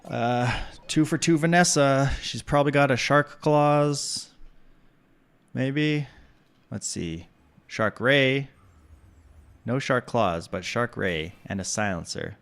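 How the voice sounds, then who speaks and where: A man giving casual, relaxed commentary while he plays a video game, thinking aloud with many pauses and ums. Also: medium pitch. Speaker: gameplay commentator.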